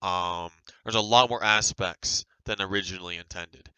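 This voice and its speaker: A man's voice: low-pitched, steady tone, moderate pace, sharp tone, smooth, dry recording, low-quality recording. A man giving casual, rambling, defensive commentary as a game developer reacting to a review.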